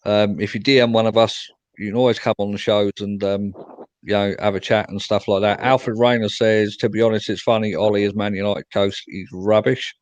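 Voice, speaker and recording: Male host, young, low pitch, dry close mic, reads out viewer comments. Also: little pitch movement, a little fast, no room sound, low-quality recording. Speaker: fan show host. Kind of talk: casual post-match fan chat.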